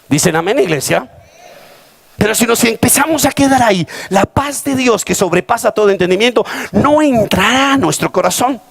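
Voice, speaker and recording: A man's voice: sits high, creaky, fairly bright tone, husky. A Colombian man in his fifties, a pastor preaching a sermon to his congregation, with dramatic preaching and calls to the church. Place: church service before a congregation.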